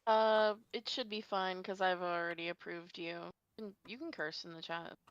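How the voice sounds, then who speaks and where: A woman's voice: fairly low pitch, normal speed, smooth, no echo, lo-fi sound. A woman co-hosting a game stream, chatting in an easygoing, playful way. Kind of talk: casual gameplay chat.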